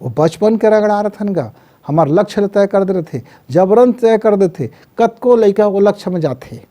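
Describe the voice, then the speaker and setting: A middle-aged man with a Chhattisgarhi accent gives a motivational talk on life goals, his voice high yet mellow and dark in tone. He teaches through stories and acts out the voices of parents and villagers as he goes. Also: animated, normal speed. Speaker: spiritual guru giving life advice.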